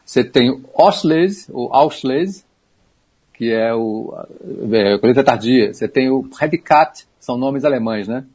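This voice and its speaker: A man of middle pitch with a husky edge speaks as a radio wine commentator. He explains patiently and informally, dropping in quick asides and the odd chuckle. He sounds close to a studio microphone. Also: darkish tone. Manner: easygoing and teaching, with small asides and laughs.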